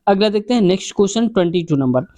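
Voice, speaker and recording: A man's voice: high-pitched, expressive, very fast, mellow, dry recording. A male teacher, going through exam questions one by one and explaining the answers. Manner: explanatory, repeats question numbers.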